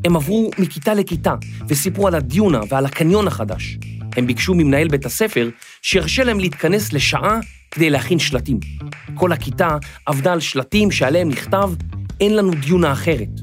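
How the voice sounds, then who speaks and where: A man narrating a children's story in a lively, expressive scripted reading. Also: on the high side, soft background music.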